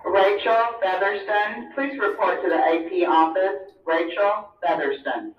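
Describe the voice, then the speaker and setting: A man making a slow school announcement over a PA system, heard from a distance. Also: high-pitched. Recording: distant roomy muffled loudspeaker.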